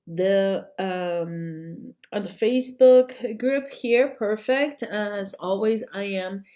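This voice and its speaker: A woman coach with a flu teaches a live-streamed class through her computer mic. She speaks slowly and unhurriedly, and her voice is a little hoarse. She chats warmly with viewers and keeps apologizing. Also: medium pitch. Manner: apologetic, chatty, greets viewers by name. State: sick with a flu, slightly hoarse. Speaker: cake decorating coach. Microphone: computer mic while streaming.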